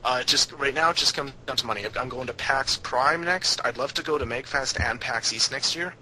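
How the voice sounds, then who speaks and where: A young man guesting on a casual voice-call podcast, talking in quick bursts with stumbling restarts. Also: medium pitch, slight background noise. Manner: excitable, stumbling restarts and apologies. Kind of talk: casual chat over a voice call. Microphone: video call.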